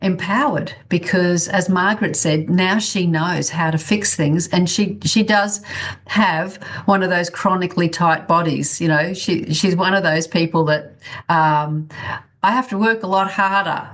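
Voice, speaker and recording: A woman with a slightly low voice teaches a bodywork class online. She guides simple exercises in an informal, conversational way, encouraging participants as she checks how they are doing. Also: a little slow. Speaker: workshop instructor in bodywork. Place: online video-call class.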